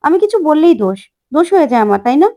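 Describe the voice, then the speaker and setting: A snide young woman who whines and protests her innocence, as a narrator puts her on. The voice rides high with a mellow tone. She speaks in a storytelling recap. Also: big pitch swings, rapid-fire, muffled recording. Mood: defensive. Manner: whiny, defensive.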